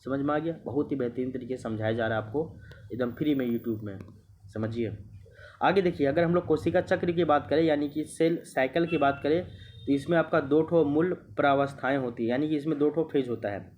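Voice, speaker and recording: A man's voice: fairly high pitch, a little fast, darkish tone, a little hiss or hum. A man teaching an exam-prep lecture, explaining step by step, repeating himself and checking that students understand. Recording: muffled lo-fi recording.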